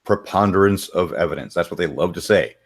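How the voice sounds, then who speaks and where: Deep-voiced man, dry and wry. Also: brisk, husky. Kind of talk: casual chat.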